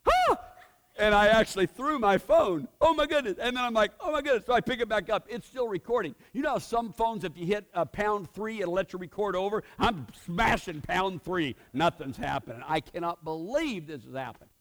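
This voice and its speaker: A man's voice: sits high, expressive, normal speed, hardly any pauses. Emphatic preacher man, storytelling. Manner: storytelling, swings from quiet asides to loud emphatic outbursts. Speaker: pastor. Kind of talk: sermon.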